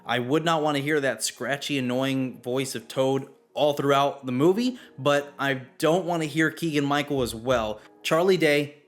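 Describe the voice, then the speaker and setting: A man talking through a movie review at a medium pitch, neither high nor low. He lays out his opinions bluntly and plainly, with firm verdicts. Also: moderate pace, hardly any pauses, faint music behind. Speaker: film reviewer.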